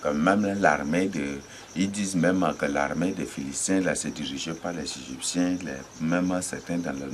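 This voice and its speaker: Deep-voiced man teaching the Bible. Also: slight background noise. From Chad. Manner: repetitive, halting, spells words letter by letter. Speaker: religious teacher.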